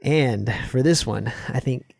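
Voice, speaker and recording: Man, podcast co-host, casual chat, earnest, chuckling, medium pitch, dry sound. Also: takes it slowly, creaky, a little mellow, no room sound. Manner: earnest, chuckling, loose restarts.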